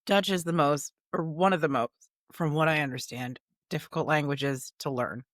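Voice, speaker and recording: Woman, podcast co-host, hiccups, wry, low voice, dry sound. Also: normal speed, dry recording. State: has the hiccups. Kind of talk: casual recap chat.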